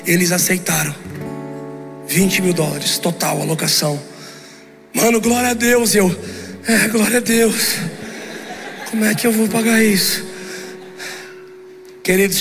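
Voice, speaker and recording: A man preaching a sermon, telling a story and acting out the dialogue with animation. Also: high voice. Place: church. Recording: church hall reverb with music.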